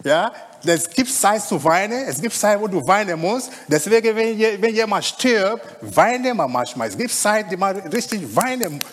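High, lively preacher in a hall. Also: male voice, moderate pace. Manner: conversational preaching, frequent "ja?" tag questions. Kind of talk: sermon.

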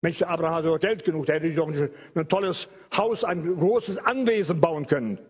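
A man's voice: on the high side, brisk, breathy edge. An older man preaching an evangelical sermon, emphatic, repeating phrases and stretching key words.

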